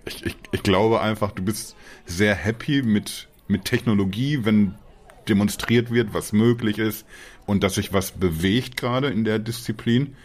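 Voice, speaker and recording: A man's voice: on the low side, unhurried. A man co-hosting a podcast, chatting casually and jokingly with some hesitant restarts, calling in from home. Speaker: podcast co-host. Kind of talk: casual chat. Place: home in Dortmund, remote.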